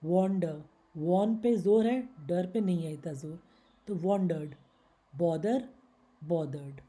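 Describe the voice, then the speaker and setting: A woman's voice: lowish voice, measured pace, warm tone. A woman teaching English grammar in Hindi, patiently explaining rules step by step and reading out word examples. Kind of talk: slide-based Hindi grammar lesson.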